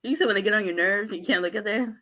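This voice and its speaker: A woman's voice: medium pitch, quick pace, a bit bright. A woman co-hosting, trading casual banter with the others.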